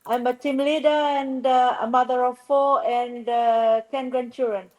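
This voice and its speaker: A woman's voice: sits high, steady tone, measured pace, a little mellow, rough recording. An older woman from Fiji, a team leader and guest on a casual livestream chat, upbeat and enthusiastic.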